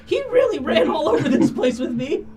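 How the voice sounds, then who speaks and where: Casting: small bashful pot-dwelling creature played by a tabletop gamer, high, lively pitch, meek and self-deprecating, music behind. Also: brisk, recorded from a distance. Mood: apologetic, timid. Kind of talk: improvised tabletop role-play. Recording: music behind, somewhat off-mic.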